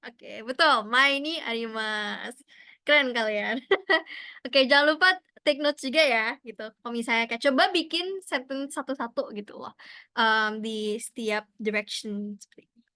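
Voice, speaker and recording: A woman teaching a language class online, chatty and encouraging, often cheering her students on with quick praise. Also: a little high, sharp tone, no echo, studio quality. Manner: chatty, encouraging, mixes in English and Japanese praise.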